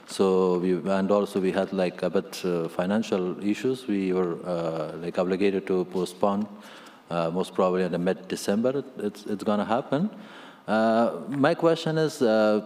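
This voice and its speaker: A man from Afghanistan asking a question from the floor of a large conference hall, halting with many fillers and restarts. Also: lowish voice, a little mellow. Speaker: audience member asking a question. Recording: long hall reverb.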